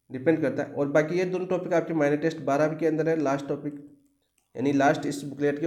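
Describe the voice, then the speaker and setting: A man's voice: a little high, warm tone, roomy sound. A man teaching an exam-prep lecture who keeps asking the class questions and answering them himself.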